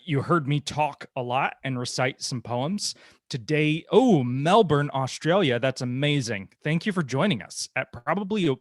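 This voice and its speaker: A man's voice: medium pitch, dry recording, studio quality. A man guiding an online poetry workshop in a chatty, self-deprecating way, full of fillers and restarts, speaking into a computer mic. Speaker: guest presenter, poetry teacher. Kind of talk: casual online workshop talk.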